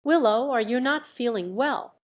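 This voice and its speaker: A woman voicing a concerned, gentle old male teacher. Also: a little high, moderate pace, pitched above the performer's own voice, close to an everyday voice. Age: older.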